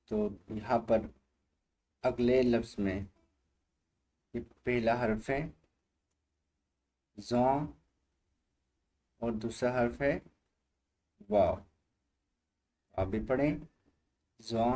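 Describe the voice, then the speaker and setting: A man's voice: medium pitch, extremely slow, long pauses, warm tone. A man teaching Quran reading letter by letter, patiently repeating each letter and asking the learner to say it aloud. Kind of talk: slow letter-by-letter recitation lesson.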